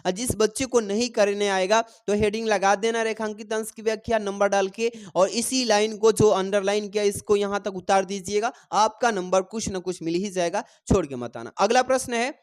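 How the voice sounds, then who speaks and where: A man's voice: sits high, moderate pace, few pauses, clean tone. A male teacher giving an exam-prep lesson, reading lines of verse aloud and encouraging his students, whom he calls "babu" and "dear children".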